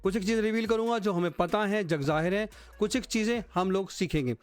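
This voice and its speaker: A man's voice: high voice, a little fast. A man, hosting a real-estate channel and presenting slides. He switches between languages and keeps calling his viewers "guys". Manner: code-switching, addresses viewers as friends and guys.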